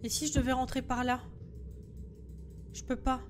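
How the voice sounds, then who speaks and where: A woman's voice: high voice, monotone, moderate pace, background noise. A young woman streaming a horror game on a headset mic, jumpy and exclamatory, talking to herself as she plays. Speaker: gaming streamer. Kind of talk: casual live gameplay commentary.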